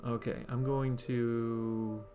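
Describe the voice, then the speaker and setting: A man's voice: medium pitch, flat delivery, slow pace, music in the background. Joking man playing a game. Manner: joking asides, dry comments. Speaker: gamer playing through a game. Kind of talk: let's play commentary.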